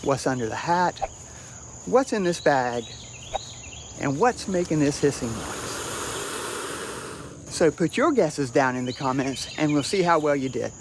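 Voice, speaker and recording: A man with a fairly high voice hosts an outdoor wildlife vlog. He talks in a colloquial, admiring and exclamatory manner, with clear outdoor noise behind him. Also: lively intonation, measured pace, pauses often. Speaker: wildlife video host. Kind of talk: outdoor vlog narration, talking to camera and animals. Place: outdoors by a rural road.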